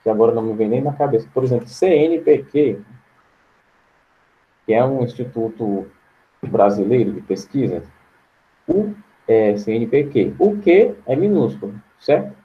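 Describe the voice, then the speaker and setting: A male teacher with a Brazilian Portuguese accent giving an online grammar lesson, patient and slow, repeating words to his students. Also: medium pitch, lively intonation, narrow, tinny audio.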